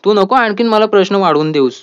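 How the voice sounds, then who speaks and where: A frustrated young husband, bitter and complaining, read by a man. His lines come in a fairly high voice. The recording is muffled and lo-fi. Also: fast, smooth, lightly acted. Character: frustrated young husband, shouting, self-pitying. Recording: dull lo-fi audio.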